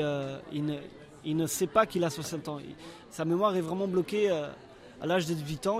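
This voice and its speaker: A man from Portugal, a circus performer answering interview questions in a halting way, often searching for words. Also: on the high side, a little mellow.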